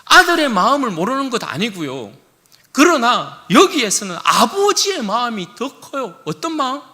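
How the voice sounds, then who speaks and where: A male pastor preaching a sermon with dramatic swings between hushed and loud delivery. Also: very high voice, huge pitch swings, normal speed. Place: church sanctuary. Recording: echoey church hall.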